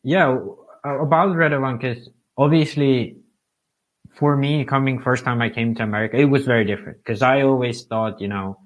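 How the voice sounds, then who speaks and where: A man's voice: mid-range voice, normal speed. A man from Finland co-hosting a casual podcast, asking long, winding, thoughtful questions. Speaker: co-host. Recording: dull lo-fi sound.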